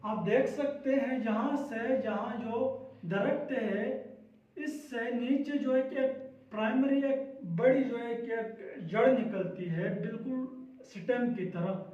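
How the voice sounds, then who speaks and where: A man's voice: very high-pitched, slow pace, darkish tone. A man teaches a class, firing the same questions again and again and echoing each answer back. He sounds far from the mic, in a very echoey room with a dull, lo-fi sound. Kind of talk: classroom lesson.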